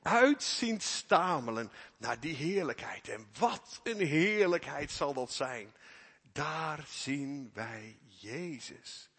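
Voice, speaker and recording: A man preaching a sermon, swinging from quiet, intimate passages to loud, fervent emphasis. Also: fairly high pitch, expressive, slow pace, breathy edge. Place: church. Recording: long church reverb.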